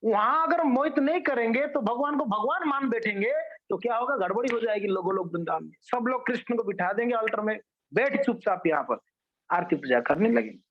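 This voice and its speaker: A man with a high voice preaches in a lively storytelling way. He asks questions and answers them himself. The recording is dull and lo-fi. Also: fairly quick. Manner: animated, asks and answers his own questions. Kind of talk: storytelling sermon.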